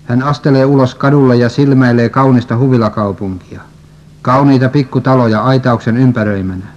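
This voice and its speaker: Guy reading a religious story out loud, middle pitch, steady pace, dull muffled recording. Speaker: reader.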